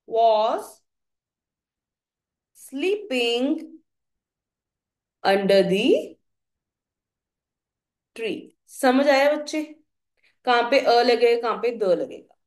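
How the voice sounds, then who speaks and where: A young woman teacher, explaining grammar slowly and asking her students questions. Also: sits high. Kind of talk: classroom grammar lesson. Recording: echoey room.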